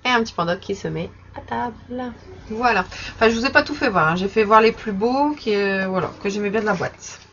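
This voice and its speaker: A young woman casually chatting in her vlog while showing stickers she bought, with many fillers and soft laughs. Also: medium pitch, brisk. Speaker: vlogger. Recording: slightly dull recording with faint background noise.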